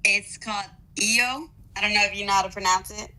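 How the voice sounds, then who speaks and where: Bright-voiced woman on speakerphone. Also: medium pitch, brisk, low-quality recording. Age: 30s. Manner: relaxed, loose, searching for words. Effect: heard over a phone on speakerphone. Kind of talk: casual chat.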